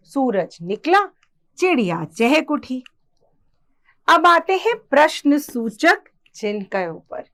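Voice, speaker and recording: Female teacher for a kids' grammar class: slow, patient, very animated pitch. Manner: patient, explains slowly with examples and questions to the class. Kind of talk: grammar lesson for children.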